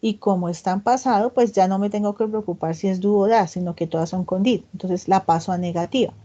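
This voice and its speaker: A woman's voice: mid-range voice, mellow, muffled recording. A woman teaching English grammar in an online class, explaining step by step and often checking in with her students. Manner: reads English example sentences slowly and with emphasis. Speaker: English tutor.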